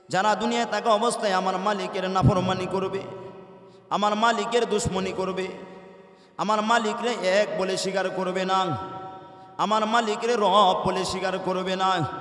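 A high-pitched man preaches a sermon in a melodic, chanting delivery, his tone bright and forceful. He is heard from a distance, and his voice rings with a long echo through a large hall.

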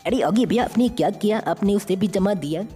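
A woman voicing a cheeky, excitable young sidekick. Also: mid-range voice, brisk, breathy edge, natural voice. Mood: playful. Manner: jokey, excited, teasing. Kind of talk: fan-made game story dub. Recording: reverberant with faint music.

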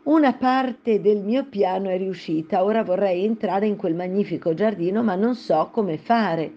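A woman's voice: mid-range voice, moderate pace, highs cut off, pitched above the performer's own voice, close to an everyday voice. A woman voicing an earnest, polite young girl in a storybook reading. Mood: musing. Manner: earnest, a little unsure.

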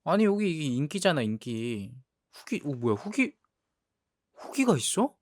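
A man playing a playful, defensive young boyfriend in a role-play ASMR audio drama, talking haltingly and repeating his words as he protests. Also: mid-range voice, expressive, no room sound, clean studio sound. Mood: flustered, protesting.

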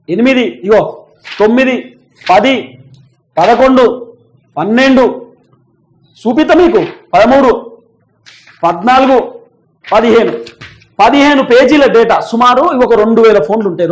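In a rough recording, a young man with a very high-pitched voice and a Telangana Telugu accent delivers news commentary directly to viewers. His manner is emphatic, repetitive and insistent.

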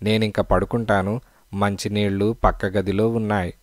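A man's voice: lowish voice, level tone, moderate pace, a little mellow, no room sound, studio quality, natural voice. A man voicing a blind, kindly old father in a storybook, speaking in a sad, resigned way. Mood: weary, gentle. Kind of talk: storybook narration.

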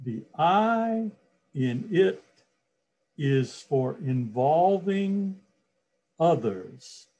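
A man giving a slow, deliberate motivational talk on public speaking, pausing often and repeating key phrases. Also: on the high side, big pitch swings, mellow. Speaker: speaking coach.

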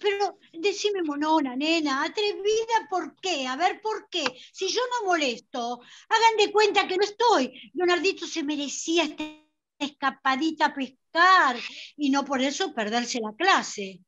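A woman's voice: very high voice, lively intonation, unhurried, a bit bright, dull audio, slight background noise, exaggerated voice. A woman playing a chatty elderly mother who rambles and pleads, with a Rioplatense Spanish accent, full of hesitant fillers. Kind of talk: amateur theatre play over video call.

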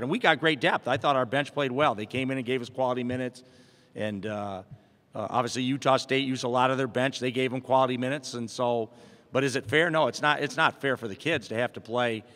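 A middle-aged basketball head coach answers postgame press conference questions into a table mic, with long hall reverb around him. His mid-range voice is fairly quick and a bit bright, and he speaks plainly and upbeat, with many fillers and restarts.

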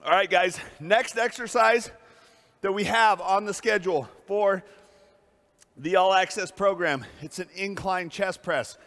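Male personal trainer, slightly high, upbeat and winded while lifting, gym echo. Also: a little slow, a bit bright. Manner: upbeat, pumped-up coaching with breathy exhales. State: out of breath. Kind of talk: workout coaching while lifting.

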